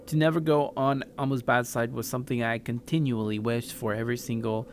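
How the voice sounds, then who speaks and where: A video maker reads a story game aloud casually, tripping over words, correcting himself and adding asides. His mid-range voice is flat and fairly quick, with a little hiss or hum in the recording.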